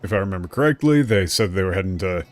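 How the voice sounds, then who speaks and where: A male game streamer with a fairly low voice, talking casually and thinking out loud as he plays. He paraphrases the dialogue in a loose, chatty way, with soft music in the background. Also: animated, fast talker. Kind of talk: casual let's-play commentary.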